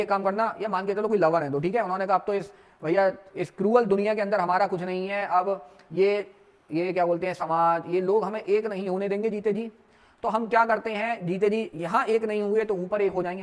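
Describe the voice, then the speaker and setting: High-voiced man teaching law. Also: fairly even intonation, a little fast. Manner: storytelling, mixing Hindi and English, asks students questions. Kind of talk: exam lecture.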